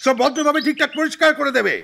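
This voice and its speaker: A man voicing an excitable, boastful and easily flustered comic fellow in a dubbed film. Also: very high-pitched, rapid-fire, vocal fry, background noise, full character voice. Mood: indignant. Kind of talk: dubbed film comedy acting.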